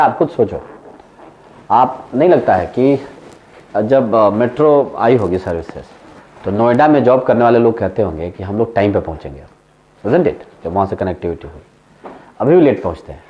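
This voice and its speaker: A man's voice: lowish voice, animated, normal speed, pauses often, muffled recording. Indian man lecturing in Hindi and English. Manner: storytelling, mixing Hindi and English, laughing at his own anecdotes. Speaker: economics teacher. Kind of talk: classroom lecture.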